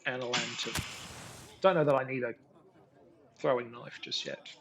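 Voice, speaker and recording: A man's voice: medium pitch, fairly even intonation, normal speed, vocal fry, dull audio, noisy background. A man hosting a gameplay video, reading the text of a digital gamebook aloud and breaking off for dry, sarcastic asides.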